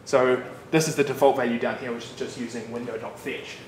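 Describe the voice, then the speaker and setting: Fairly quick and medium-pitched, a New Zealand man gives a casual technical talk as a developer at a meetup, relaxed and chatty with lots of fillers and asides. He's speaking to an audience in a bright loft-like office. Picked up by a room mic from a distance, his voice sounds echoey and far away, with background noise.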